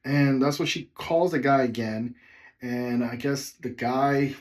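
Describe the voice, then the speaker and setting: A man recounts a personal story in a relaxed vlog. He talks loosely and rambles, breaking off to address his viewers before picking the story back up. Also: mid-range voice, slow. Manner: rambling, with side remarks to viewers. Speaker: vlogger telling a personal story. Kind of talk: casual storytelling.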